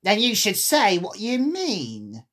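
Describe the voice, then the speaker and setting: A woman puts on a storybook hare, male, brash and teasing. The voice leaps high and swoops about, contrary and exclamatory, with a husky edge. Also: huge pitch swings, takes it slowly, a bit bright, full character voice. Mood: snappy.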